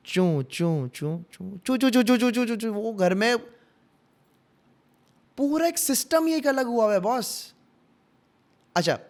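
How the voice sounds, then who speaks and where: Man, Pakistani Urdu accent, podcast guest, animated storytelling, slightly high voice, hushed dramatic dips. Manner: animated, dramatic ghost-story telling, drops to hushed tones. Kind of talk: casual storytelling.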